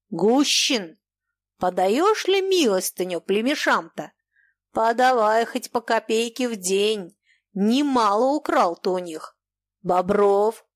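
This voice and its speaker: A woman's voice: medium pitch, dry recording, studio quality, close to an everyday voice. A woman reading the part of a proud, furious young male merchant who speaks defiantly and harshly.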